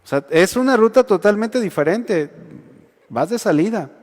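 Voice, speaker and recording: A man's voice: sits high, expressive, normal speed, darkish tone. A man with a Mexican accent preaching a sermon to young adults in a conversational way, often asking his listeners whether they agree. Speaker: youth pastor. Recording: long reverb of a large hall.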